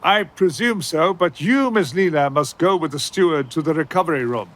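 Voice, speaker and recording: A man's voice: on the high side, moderate pace, fairly bright tone, slight background noise, close to an everyday voice. An actor playing a flippant, eccentric male time traveller in an audio drama, breezy and offhand.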